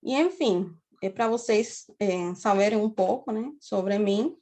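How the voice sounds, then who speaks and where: A woman's voice: medium pitch, measured pace, mellow. A woman in her thirties from Cuba with a Cuban accent, giving a university lecture on a video call and explaining steadily, often checking in with her students. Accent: Cuban Spanish. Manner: explanatory, often tags phrases with "né?". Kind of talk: online class lecture.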